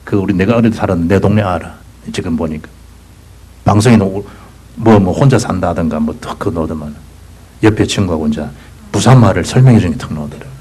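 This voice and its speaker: A man with a Gyeongsang Korean accent preaching a sermon as pastor, swinging between loud bursts and hushed whispers. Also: deep voice, a little fast, breathy edge, low-quality recording. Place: church sanctuary.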